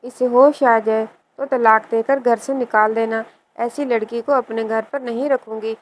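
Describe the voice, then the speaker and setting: A harsh, scolding mother full of contempt, as a woman reading the story puts her on. The voice sits fairly high and never softens toward her son. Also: steady tone, a little hiss or hum, natural voice, low-quality recording. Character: angry scolding older mother, harsh and unforgiving.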